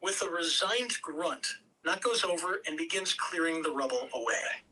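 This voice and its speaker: An amateur script reader at a table read performs screenplay narration and scene directions with theatrical emphasis. The voice is mid-range, animated, pushed and bright at a moderate pace, picked up by a distant home mic with background noise.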